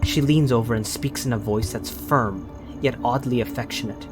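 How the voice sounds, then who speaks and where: A man's voice: mid-range voice, moderate pace, over music. Man narrating a tabletop game. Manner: hesitant, restarts often when explaining. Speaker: game master and co-host.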